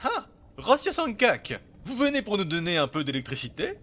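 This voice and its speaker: A man voicing an eccentric, fussy elf mad scientist in a fantasy audio story, excitable and exclamatory. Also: high-pitched, moderate pace, voice pushed up, exaggerated voice. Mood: excited, eager.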